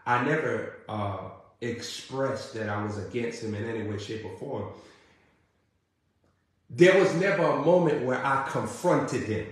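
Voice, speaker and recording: A man preaching a sermon, building through emphatic repeated questions and then dropping to a low, intimate tone. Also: lively intonation, unhurried. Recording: very echoey room.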